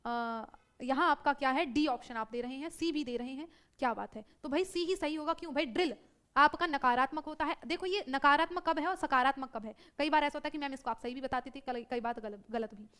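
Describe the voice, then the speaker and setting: A woman teaching a live online exam-prep class, brisk and self-correcting, who keeps checking in with her students. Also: high-pitched, fairly bright tone.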